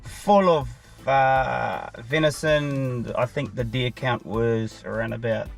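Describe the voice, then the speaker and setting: A man's voice: mid-range voice, slow, gravelly, faint music behind. A man with a broad New Zealand accent, talking casually and matey in slang as he narrates a hunting vlog. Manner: colloquial Kiwi slang, matey. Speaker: hunting vlogger.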